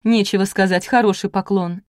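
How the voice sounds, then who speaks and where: A woman reading aloud, voicing a furious jealous farm wife who shouts threats. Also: medium pitch, steady tone, brisk, no echo, clean studio sound, lightly acted.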